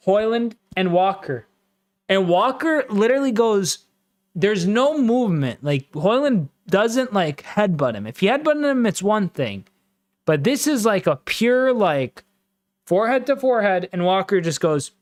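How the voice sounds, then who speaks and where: A man casually commenting on a football match live for his stream, slangy and excitable, breaking into loud exclamations at big moments. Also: on the high side, no echo.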